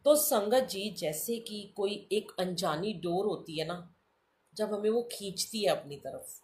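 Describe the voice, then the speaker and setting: A middle-aged woman recounts her devotional testimony as a story, repeatedly calling the listeners "sangat ji" and acting out the dialogue of the people in it. Her voice is mid-range, unhurried, and a little mellow.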